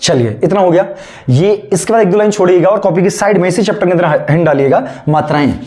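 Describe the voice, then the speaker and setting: A teacher giving an online grammar lesson who keeps asking the class questions, answers them itself, and slowly repeats sentences so students can copy them down. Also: medium pitch, lively intonation, warm tone. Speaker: Hindi teacher.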